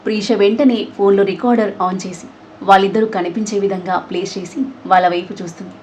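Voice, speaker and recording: A woman storyteller giving steady, scripted story narration. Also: medium pitch, quick pace, muffled recording, a little hiss or hum.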